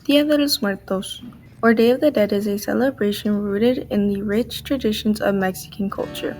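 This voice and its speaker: A woman's voice: mid-range voice, moderate pace, darkish tone. A teenage woman presenting a scripted explainer in an earnest tone. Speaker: student presenter. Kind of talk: read explainer.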